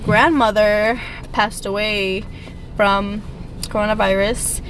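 A woman's voice: medium pitch, fairly even intonation, slow pace, a bit bright, a little hiss or hum, low-quality recording. A woman in her twenties, born in Ecuador and raised in New York City, chatting casually in a vlog from a parked car, with lots of fillers. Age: 20s. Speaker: lifestyle vlogger. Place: parked car, indoors in a kitchen at first.

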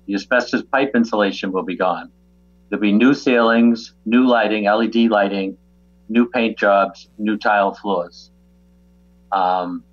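A man, a city official on a video call, listing items in a measured way while his choppy internet audio stutters and breaks up. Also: on the low side, slightly rough, muffled recording. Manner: measured, lists items one by one. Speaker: city official answering council questions. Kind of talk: remote meeting testimony.

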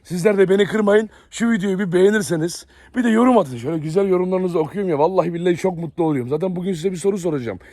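A man's voice: sits high, very fast, hardly any pauses, a little mellow, no room sound. Chatty Turkish-speaking man in a dog yard. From Turkey. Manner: chatty, addresses viewers often. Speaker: dog breeder vlogger. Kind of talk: casual chat to camera. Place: outdoor dog yard with kennels.

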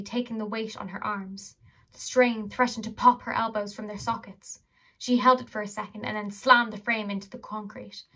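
A woman reading a children's fantasy novel aloud with lively, dramatic narration. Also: on the high side. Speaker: audiobook reader. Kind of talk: storybook narration.

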